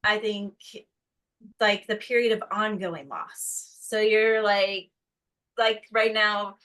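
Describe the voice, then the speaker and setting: A woman's voice: mid-range voice, takes it slowly, fairly bright tone, low-quality recording. A woman guest from North Carolina in casual conversation, chatty, acting out quotes in a put-on voice. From North Carolina, USA.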